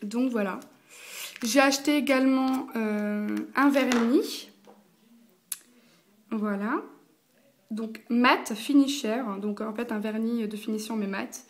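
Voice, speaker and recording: A woman's voice: on the high side, fairly even intonation, slow pace, long pauses, a little hiss or hum. A young woman, chatting casually through a makeup review, full of fillers and slang. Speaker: beauty vlogger.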